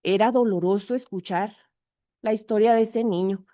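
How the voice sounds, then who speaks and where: A woman with a Mexican accent giving a frank, animated personal testimony at a twelve-step meeting. She acts out the people in her story with varied voices and swears now and then. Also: mid-range voice, moderate pace, no room sound, clean studio sound. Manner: frank and earthy, with mild swearing. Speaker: speaker sharing her recovery story.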